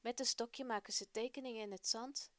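A woman presenting a children's radio program and telling a story in a friendly, expressive voice. Her pitch sits a little high. The recording is dry and close, with no room sound. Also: fairly quick, no room sound.

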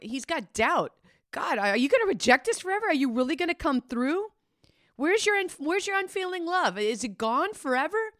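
A woman's voice: lowish voice, a bit bright, no echo, clean studio sound. A woman hosting a devotional, talking in an earnest, encouraging, conversational way and reading scripture with growing intensity. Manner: reads scripture with rising intensity. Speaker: devotional podcast host.

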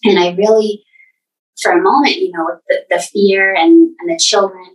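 A woman's voice: medium pitch, fairly even intonation. Earnest lady sharing her story, stops and restarts a lot, sounds a little far from the mic. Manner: earnest, halting, many restarts. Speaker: podcast guest. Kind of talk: candid personal storytelling.

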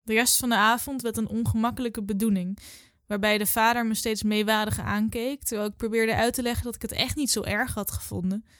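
A woman in her twenties reading her own literary story aloud in a calm, measured way. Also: on the high side, no echo, clean studio sound. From Netherlands. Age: 20s.

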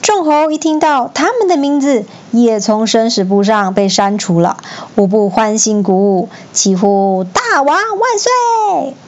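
A woman storyteller reading a children's classic aloud in an expressive, lively manner. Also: mid-range voice, a little slow, muffled recording.

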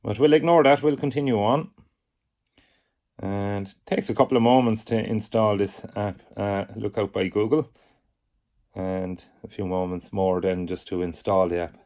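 A man presenting a step-by-step software demonstration in a measured, methodical way. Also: lowish voice, fairly even intonation. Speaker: tutorial presenter.

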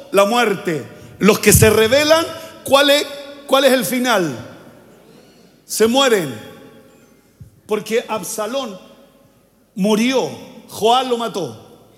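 High-pitched older pastor preaching. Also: male voice. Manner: preaching with call-and-response to the congregation. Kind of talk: sermon. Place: church sanctuary. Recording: long hall reverb from a church sanctuary.

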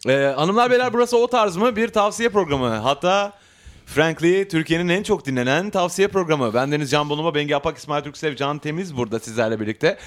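A man's voice: a little high, lively intonation, brisk. A man hosting an advice podcast, joking with his co-hosts and reading a listener letter aloud in a playful tone. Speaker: podcast host.

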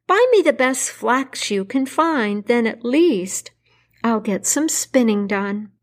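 A woman voicing a polite, humble young girl, speaking gently in a slightly raised voice. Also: fairly high pitch, expressive, slow pace. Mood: earnest.

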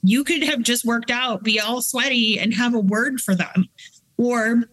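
A woman's voice: on the high side, a little slow, a bit bright, no echo, rough recording. A woman guest on a podcast, a business coach explaining how to build online community in a casual, advice-giving way with frequent fillers. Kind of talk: casual interview chat.

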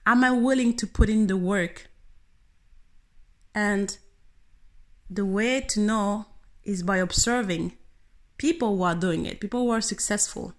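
A woman's voice: mid-range voice, a little slow, long pauses. Earnest woman giving a motivational talk. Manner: earnest, animated, speaks directly to the listener. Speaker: tennis coach.

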